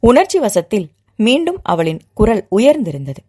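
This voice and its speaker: A woman narrator reading a novel aloud in an expressive storytelling manner. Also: fairly high pitch, moderate pace, breathy edge.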